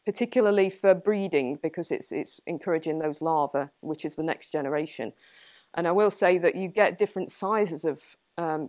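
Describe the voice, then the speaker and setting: Picked up by a distant camera in a small meeting room, a young English entomologist speaks as a guest after her talk, fielding audience questions. Her voice sits slightly low, and the room gives no echo. She is thoughtful, thinking out loud, hedging her points and laughing softly and often between them.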